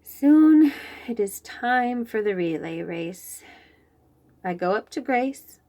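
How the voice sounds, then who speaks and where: Reading a picture book aloud to young children, a woman tells the story in an expressive, animated way. She speaks slowly, her pitch rising and falling widely.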